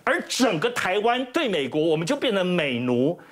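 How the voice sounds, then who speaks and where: A man's voice: sits high, big pitch swings, moderate pace. A man giving indignant, emphatic talk show commentary in a television studio. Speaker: political commentator.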